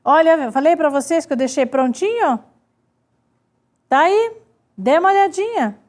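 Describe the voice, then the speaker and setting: A woman's voice: high-pitched, lively intonation, moderate pace, a little mellow. A woman teacher with a Brazilian accent giving an online grammar lesson, explaining step by step and often checking in with her students. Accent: Brazilian Portuguese. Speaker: Portuguese teacher.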